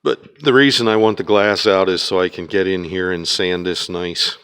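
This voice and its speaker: A man with a Pennsylvania accent talks through his garage restoration work in a very deep, low register. His delivery is flat and even, loose and rambling, with frequent ums and uhs as he walks a handheld camera around the car. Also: normal speed, clear, resonant tone. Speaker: DIY car restoration vlogger. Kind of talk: casual walk-around narration.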